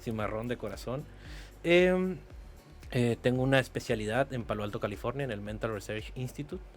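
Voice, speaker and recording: A man's voice: medium pitch, moderate pace, soft background music. A man in his thirties with a northern Mexican accent, a psychotherapist guest explaining concepts and often checking in with short tag questions. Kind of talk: explanatory interview talk.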